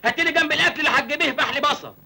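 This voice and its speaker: A man's voice: extremely high pitch, very fast, vocal fry, sharp tone, full character voice. An actor playing a cheeky, whining orphaned young village man with an Egyptian accent, in a comic film.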